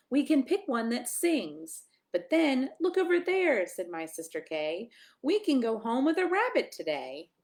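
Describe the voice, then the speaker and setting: A woman with a medium-pitched voice reads a picture book aloud at children's storytime. Her delivery is expressive and sing-song, with emphatic pauses and little asides to her listeners.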